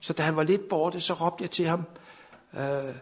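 A man's voice: a little high, flat delivery, breathy edge. A man preaching a sermon at a camp meeting, telling a personal story unscripted, with many repeated words, and building to fervent preaching.

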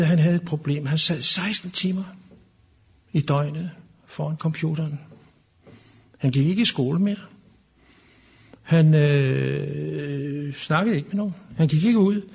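A man delivering a fervent sermon in a fairly high, husky voice. He speaks with passion and drives his points toward a bold proclamation. The tone is earnest and insistent. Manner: impassioned, building to fervent proclamation. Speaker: preacher.

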